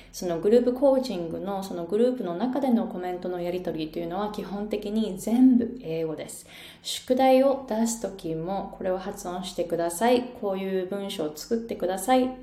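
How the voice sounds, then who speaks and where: A woman coaching English pronunciation in an animated, coaxing way, breaking off to act out sounds. Her tone is mellow and rounded. The room adds a noticeable echo around her voice. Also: medium pitch. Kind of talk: online pronunciation lesson.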